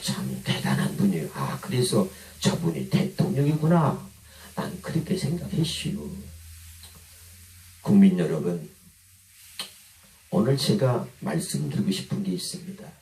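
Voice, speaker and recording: Man, Chungcheong accent, folksy-fiery orator; very animated pitch, recorded distant in a roomy space. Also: a little slow, pauses often. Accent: Chungcheong Korean. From Chungcheong, Korea. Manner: swings between drawling dialect and fiery oratory. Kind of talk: folksy impassioned speech. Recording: echoey, mic from far off.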